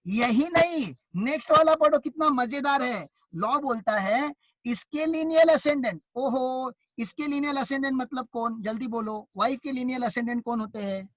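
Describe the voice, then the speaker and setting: A man's voice: very high-pitched, unhurried, no echo, muffled recording. Indian man teaching an online class. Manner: lively, teasing, quizzes students.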